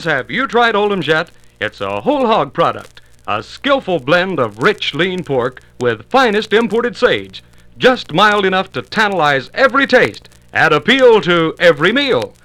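A man's voice: high-pitched, sing-song, unhurried, a bit bright, rough recording. A man announcing a 1950s radio commercial with an enthusiastic salesman delivery, on an old disc recording.

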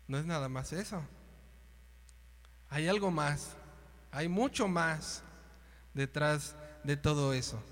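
A man's voice: fairly high pitch, takes it slowly, long pauses. Guy preaching, chatty sermon w/ lots of asides, long church echo. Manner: conversational, uses colloquial asides and rhetorical questions. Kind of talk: informal sermon. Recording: long church-hall reverb.

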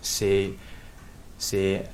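Un homme venu d'Angleterre, de langue maternelle anglaise, qui répond en interview d'un ton hésitant en cherchant ses mots. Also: male voice, low voice, completely flat delivery, a little mellow, a little hiss or hum. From England. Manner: halting, searching for words. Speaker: guest. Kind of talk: interview answers.

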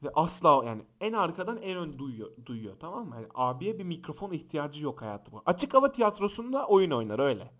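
Lively young man telling stories. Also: fairly high pitch, fairly quick, hardly any pauses. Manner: animated, acts out quoted shouts and voices. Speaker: podcast host. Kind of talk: casual podcast storytelling. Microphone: close podcast microphone.

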